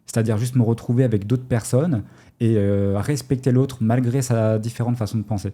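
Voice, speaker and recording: A man from France with a very dark, mellow voice at an everyday pitch. He speaks as an interview guest, thinking out loud with frequent fillers and restarts. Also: fairly even intonation, normal speed. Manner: hesitant, many fillers and restarts. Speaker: guest entrepreneur. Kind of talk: casual interview talk.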